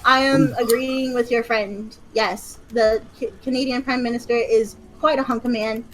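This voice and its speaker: High-pitched argumentative woman in casual debate. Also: fairly even intonation, moderate pace, a little hiss or hum, rough recording. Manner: argumentative, insistent.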